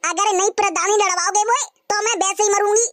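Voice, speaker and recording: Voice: extremely high pitch, steady tone, a little fast, pushed and bright, dry recording, studio quality. A voice actor playing a pushy village wife in a comic cartoon, pleading in a wheedling, sing-song way. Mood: insistent. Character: pushy village wife wanting to run for headwoman.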